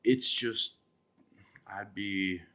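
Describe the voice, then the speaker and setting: Low-voiced guy, casual rambling reviewer, profane, drinking on camera. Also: extremely slow, a bit bright. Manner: rambling, profane, full of fillers. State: drinking while talking. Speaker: movie reviewer.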